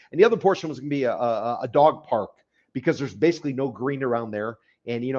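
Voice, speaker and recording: A man's voice: medium pitch, a little mellow, highs cut off. A man co-hosting a real estate talk show, explaining things casually with a sarcastic edge and repeated phrases. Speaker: real estate consultant, co-host.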